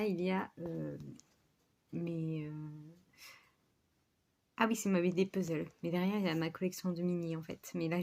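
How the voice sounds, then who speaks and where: A woman's voice: lowish voice, a little mellow, slight background noise. A woman chatting casually to her book vlog in a rambling, scatterbrained way, with a slight lisp on her words. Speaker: book vlogger.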